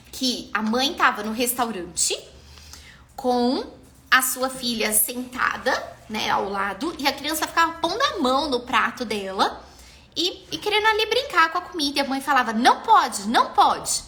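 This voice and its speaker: A Brazilian woman in her thirties talks through parenting on a casual live stream. Her voice sits high and swings widely, animated and expressive. Her tone is bright and clear, and she acts out the lines of parents and children as she talks. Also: normal speed. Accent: Brazilian Portuguese.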